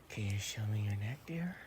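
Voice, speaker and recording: In an intimate audio roleplay, a man plays a possessive, romantic vampire boyfriend. His voice is on the low side, and he speaks to the listener tenderly and teasingly.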